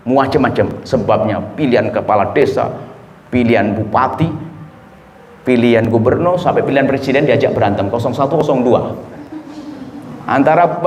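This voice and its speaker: A man from Indonesia preaching a lively sermon, acting out the people he quotes and swinging between low murmurs and high exclamations. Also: a little hiss or hum. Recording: roomy hall echo, faint ambience.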